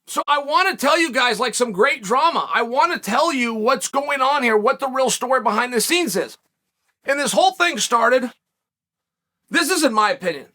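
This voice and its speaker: Speaking at a moderate pace in a very high voice, a forties-aged man runs a solo commentary show on a dark studio set. He speculates and tells stories with animated emphasis.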